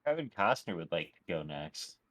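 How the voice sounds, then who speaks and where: A man playing in a tabletop game, calmly explaining his character's moves. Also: deep voice, normal speed. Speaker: player. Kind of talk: casual tabletop play.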